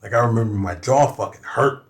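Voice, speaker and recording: A man's voice: fairly low pitch, a little fast. A young adult man from Southern California, a rapper guesting on a podcast, who tells a personal story in a candid, emphatic way, swearing often and repeating "you know what I'm saying".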